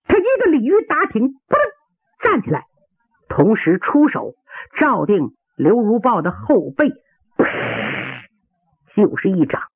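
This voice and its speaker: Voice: medium pitch, very animated, normal speed, breathy edge, no echo. A traditional storyteller narrating a martial-arts fight with dramatic, rhythmic phrasing and vivid spoken sound effects. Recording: tinny dry radio broadcast.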